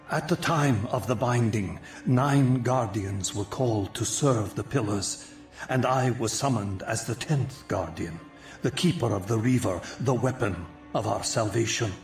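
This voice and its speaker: Echoing, solemn ancient vampire guardian. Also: male voice, fairly low pitch. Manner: solemn, measured, formal archaic phrasing. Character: ancient gentle male vampire guardian, winged, sorrowful and priest-like. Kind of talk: dramatic video game voice acting. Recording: echoey, music underneath.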